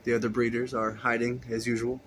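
An aquarium hobbyist vlogger gives a casual walkthrough of his indoor fish room with its rows of tanks, filming on a handheld phone and rambling in an easygoing way. His medium-pitched voice is monotone, brisk and fairly bright, with a little hiss or hum.

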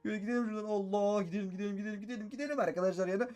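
Calling out to his audience, this man, a gaming YouTuber, narrates a Minecraft role-play with real excitement and says every phrase twice. He talks fast in a high voice.

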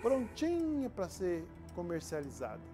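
High-pitched, emphatic Brazilian man presenting news. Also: wildly swooping pitch, measured pace, music in the background. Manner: emphatic, colloquial, theatrical. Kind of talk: informal, opinionated news presenting. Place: TV studio. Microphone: lapel mic.

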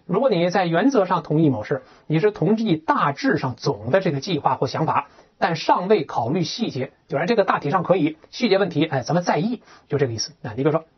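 Brief: fast-talking teacher with a husky voice, bouncy pitch, on a dull lo-fi recording. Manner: lively, asks rhetorical questions, reads example sentences aloud. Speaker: English teacher. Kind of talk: explaining a textbook lesson in Chinese.

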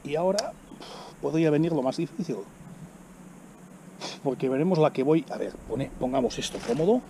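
A middle-aged male vlogger snacks outdoors in the woods, chatting casually to a camera set on the ground in front of him and often exclaiming as he eats. His voice is a little high and warm, with lively intonation at normal speed, and there's slight background noise.

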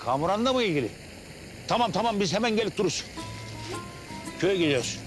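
A brisk village patriarch gives orders fast. His voice is fairly high, with music playing behind. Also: big pitch swings. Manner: commanding, brisk. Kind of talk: TV comedy acting.

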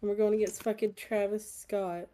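A woman's voice: medium pitch, level tone, normal speed, background noise. A woman streaming a shooter game, chatting casually, giggling and swearing freely. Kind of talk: casual gaming chat.

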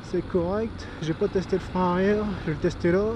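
Engine roar and wind run through this outdoor clip of a man on a moving motorcycle on country roads. The motovlogger speaks high and a little fast, with fairly even intonation, musing eagerly and casually as he rides.

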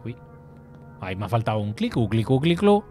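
Streaming from home on a headset mic, a Spanish man in his thirties chats casually about his gameplay and swears freely, his accent from Spain. His mid-range voice has big pitch swings, a moderate pace and a darkish tone, with faint game music behind.

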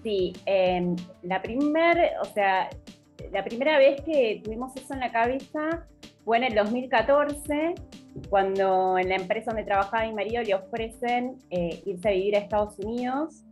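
Argentine woman, 40s, podcast guest on a laptop mic, steady storyteller, faint music under. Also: fairly high pitch, normal speed. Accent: Buenos Aires Argentine. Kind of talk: casual video-call interview. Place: home room.

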